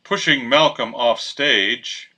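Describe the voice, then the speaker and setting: A man's voice: mid-range voice, slow pace, pushed and bright. A man narrating, reading out scripted stage directions for a play.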